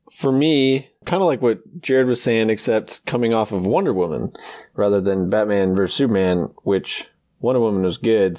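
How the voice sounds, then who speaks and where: A man's voice: on the low side, darkish tone. An American man talking casually as a podcast panelist. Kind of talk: casual chat.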